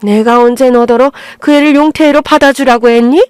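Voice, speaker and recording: A woman playing a shrill, furious mother-in-law. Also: a little fast, clean tone, no echo, lightly acted. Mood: scolding. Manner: shrieking, wailing and self-pitying. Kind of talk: audio drama reading.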